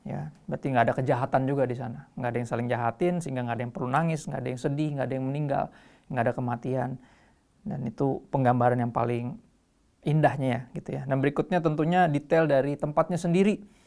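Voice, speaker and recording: A man's voice: mid-range voice, quick pace, vocal fry. Easygoing man teaching scripture. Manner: relaxed, conversational, explains scripture verse by verse. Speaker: host. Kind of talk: casual Bible teaching.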